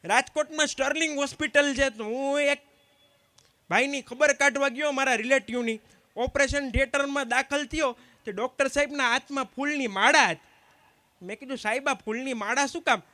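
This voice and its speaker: A man telling stand-up jokes to a community gathering, swapping quickly between the sides of each dialogue. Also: extremely high pitch, sharp tone, no echo. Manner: quick anecdotal storytelling, acting out both sides of each exchange. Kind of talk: live stand-up joke telling.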